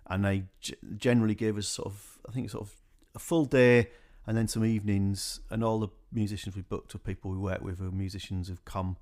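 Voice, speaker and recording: A man speaking as a guest in a radio interview, talking about his music organisation in a relaxed, rambling way with many fillers. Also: fairly low pitch, fairly quick, few pauses.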